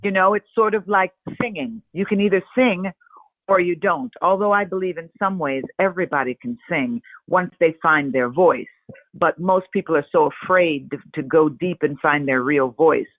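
Animated woman on a tinny phone line. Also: on the low side, moderate pace, no echo. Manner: expressive, animated storyteller. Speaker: actor, interview guest. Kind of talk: casual interview chat.

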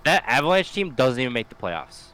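A young man co-hosting a podcast, talking in an excitable, swearing casual chat. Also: mid-range voice, brisk, a little hiss or hum. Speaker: podcast co-host.

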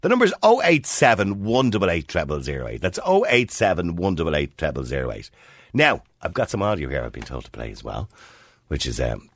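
Animated Irish radio host in his fifties. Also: low voice, fairly quick, no room sound. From Ireland. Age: 50s. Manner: animated, chatty and opinionated, asks listeners questions. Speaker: radio talk show host. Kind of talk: talk radio monologue.

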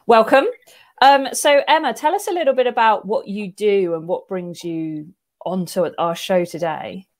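A woman's voice: mid-range voice, moderate pace. A British woman hosting a chatty interview, upbeat and welcoming, affirming what her guest says. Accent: British English. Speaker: podcast host.

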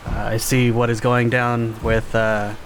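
A man's voice: mid-range voice, little pitch movement, unhurried, a little hiss or hum. A man talking casually and with swearing as a player in a tabletop role-playing game. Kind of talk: casual, profane gaming chat.

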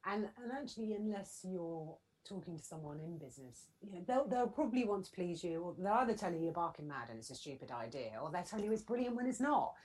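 A middle-aged woman, a business coach, chatting as a podcast guest in a lively, animated way. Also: on the low side, quick pace, hardly any pauses, breathy edge, rough recording. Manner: chatty and animated, laughs often. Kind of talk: casual podcast conversation.

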